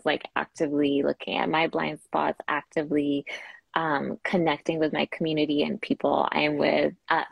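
Podcast guest, woman raised in Kenya; low gravelly voice, casual, halting. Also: no echo, poor audio. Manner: hesitant, lots of fillers and restarts. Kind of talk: casual conversation.

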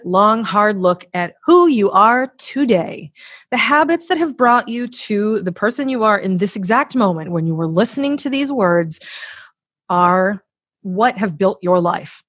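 A woman with a medium-pitched voice, recorded dry and at studio quality, appears as a podcast guest. She's an author and coach offering conversational motivational advice, acting out examples in an emphatic, blunt style with casual swearing.

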